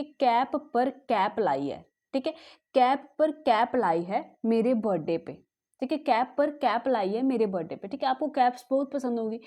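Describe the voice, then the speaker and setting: Chatty woman teacher, higher mellow voice. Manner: chatty, ends almost every sentence with a checking "okay?"; mixes English words into Hindi. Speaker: exam coaching teacher. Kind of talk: exam-prep lesson teaching memory tricks.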